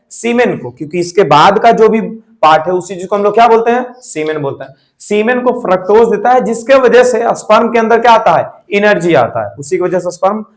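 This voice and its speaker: A man teaching a biology class, asking questions and answering them himself, mixing English terms into Hindi and checking in often. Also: high-pitched. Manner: frequent "theek hai" check-ins.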